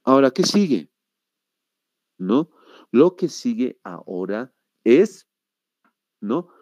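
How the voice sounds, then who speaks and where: A man with a Bolivian Spanish accent gives a classroom lecture, asking the class questions and answering them himself, and repeating words slowly to show how they are said. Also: mid-range voice, sing-song, a little mellow, no echo, muffled recording. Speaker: teacher.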